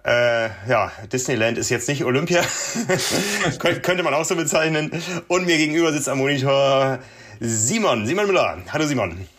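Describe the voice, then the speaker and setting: Tired, chatty German podcast host. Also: male voice, medium pitch, expressive, moderate pace, fairly bright tone, slight background noise. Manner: chatty, laughs often, self-deprecating asides. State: tired after a long workday. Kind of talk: casual podcast chat. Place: hotel room.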